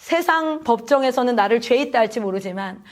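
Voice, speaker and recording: A woman's voice: fairly high pitch, lively intonation, a little fast. A woman missionary preaching a sermon at a prayer meeting, asking the congregation questions and calling out hallelujahs.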